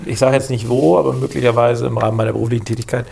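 A man's voice: medium pitch, little pitch movement, very fast, creaky, darkish tone, husky. A man co-hosting a podcast, telling a story in casual chat, rambling with many fillers and restarts. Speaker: podcast co-host.

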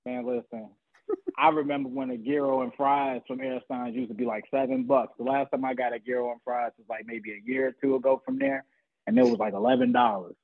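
A man chats casually, slangy and easygoing, swearing now and then. His voice has a gravelly fry to it. The sound is dry and thin, like it came over a phone line. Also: medium pitch, a little fast, no echo. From Chicago south suburbs. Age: 30s. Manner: laid-back, slangy, swears freely. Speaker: podcast guest. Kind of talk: casual chat.

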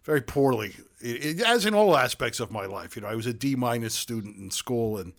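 A man's voice: mid-range voice, expressive, brisk. A middle-aged man with a Brooklyn accent hosting a podcast in casual chat. He is self-deprecating and fills his talk with "uh", often chuckling. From Brooklyn, New York. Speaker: podcast host.

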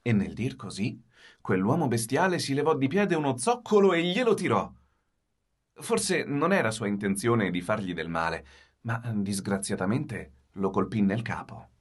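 A man reading a children's story aloud as narrator, expressive and giving the characters their own lines. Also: mid-range voice, normal speed.

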